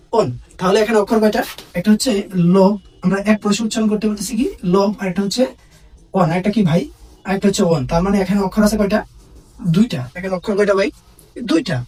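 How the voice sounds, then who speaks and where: A man with a high, husky voice teaches a grammar lesson for exam prep. He keeps quizzing his listeners and repeats each point, stretching the example words out slowly. He sits a little back from the microphone. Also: darkish tone, far from the mic. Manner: repetitive, quizzing listeners with "ঠিক আছে?".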